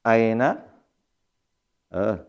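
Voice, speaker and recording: A man's voice: lowish voice, very animated, a little mellow, muffled recording. Man teaching Arabic grammar in a mosque hall. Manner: slow drilled Arabic phrases, quick asides, chuckles. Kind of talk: mosque study class. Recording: long hall reverb.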